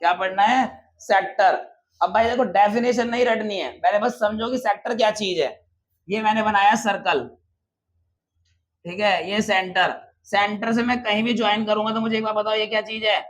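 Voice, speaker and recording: A man with a high voice teaches a maths lesson to a room of students. He is lively and casual, calls them brother, and keeps asking the class questions before answering them himself. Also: moderate pace, low-quality recording.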